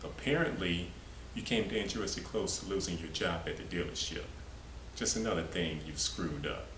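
A man's voice: low-pitched, moderate pace, a bit bright. A man in his thirties performing a dramatic monologue as a cocky, taunting romantic rival, confrontational and scornful. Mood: cold contempt. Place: small bare indoor room. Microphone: camera mic a few feet away. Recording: echoey, noisy room, distant camera mic.

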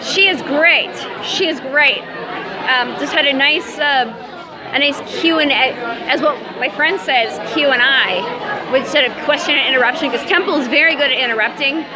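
A woman in her thirties, working as a vlogger, records a casual selfie vlog outdoors beside city buildings, holding her phone at arm's length. Her voice is high-pitched at a normal speed, and she rambles with fillers and restarts. Crowd noise surrounds her and the audio quality is poor.

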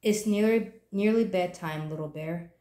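A worn-out but loving mother bear sighs and coaxes her cubs toward bed, as a woman acts her out. Her voice dips lower than the reader's usual, soft and mellow. A roomy echo hangs around every line. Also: moderate pace, lightly acted. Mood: motherly. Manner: gentle, sighing, firm when scolding. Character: patient, weary mother bear.

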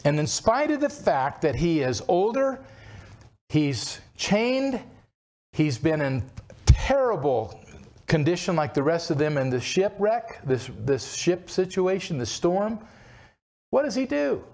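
A man's voice: high voice, very animated, slow, a little mellow. A man in his sixties preaching at a church pulpit, retelling a story in a conversational way, with frequent restarts. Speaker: pastor. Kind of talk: sermon. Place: church platform behind a wooden pulpit, indoors. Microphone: pulpit-mounted microphone.

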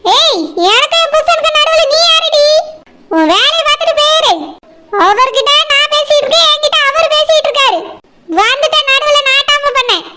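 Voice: moderate pace, bright, forceful tone, slight background noise. A voice actor playing a jealous, bitter first wife in a cartoon, middle-aged village woman with a Tirunelveli Tamil accent. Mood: scolding. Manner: shrill, scolding and bitter.

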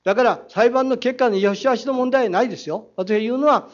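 A man with a Saga accent grills the mayor from the council floor, quoting passages and firing rhetorical challenges. His voice sits high for a man. The recording is a muffled, lo-fi council chamber feed. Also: fast talker. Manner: combative, reads quotes aloud, rhetorical challenges. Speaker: city council member. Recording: dull lo-fi council chamber audio.

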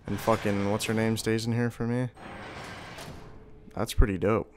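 A man's voice: fairly low pitch, flat delivery, normal speed, a little hiss or hum. A young man giving casual, crude and slangy gameplay commentary. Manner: crude, sweary, slangy muttering. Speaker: gamer, video player. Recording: game music behind the voice. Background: video game music.

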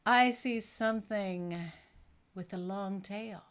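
Woman, children's entertainer, kids' party magician patter, unhurried pace, mid-pitched, simple repetitive phrasing, animated presentation.

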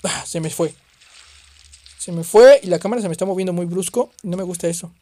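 A man doing excitable let's play commentary on a horror game, exclaiming and swearing at the scares. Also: high-pitched, brisk, no room sound. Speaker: gaming youtuber.

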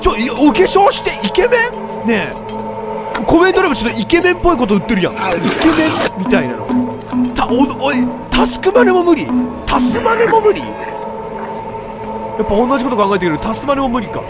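A man's voice: extremely high pitch, huge pitch swings, quick pace. A man giving live horror reaction commentary, jumpy and frightened, often repeating his words. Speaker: gaming video host. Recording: music under the voice.

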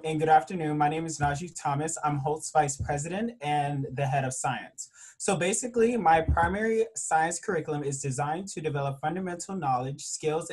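A man's voice: fairly high pitch, a little mellow, poor audio. A young male student gives a science program update over a video call. He reads his prepared lines in a formal, careful way. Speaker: student team vice president. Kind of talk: prepared presentation.

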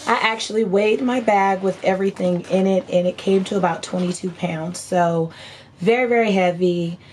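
A woman in her thirties with a hoarse, worn-out voice, chatting casually and folksily as a beauty vlogger showing products. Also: mid-range voice, moderate pace, darkish tone, slight background noise. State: hoarse, voice partly lost from screaming. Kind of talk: casual chat unboxing haul. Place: indoor room at home.

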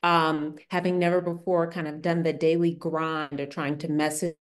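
A woman's voice: deep voice, level tone, moderate pace. A woman speaking as a church communications panelist over a video call, her audio glitchy and breaking up, talking hesitantly with many fillers. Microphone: computer mic on a video call. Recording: choppy online call audio with dropouts.

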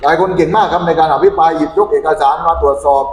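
A man's voice: fairly high pitch, fairly even intonation, fast talker, roomy sound, slight background noise, low-quality recording. A man interviewing a local council member, asking probing questions in casual talk.

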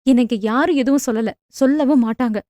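A woman's voice: high voice, brisk, dry recording, clean studio sound, natural voice. A woman voicing an angry young married daughter who sharply reproaches her mother. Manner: sharp, accusing, emphatic.

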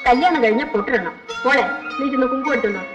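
A woman's voice: high voice, rapid-fire, highs cut off, loud music behind the voice, lightly acted. A woman playing a doting, fussing older housekeeper. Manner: affectionate, fussing. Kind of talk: 1970s film dialogue.

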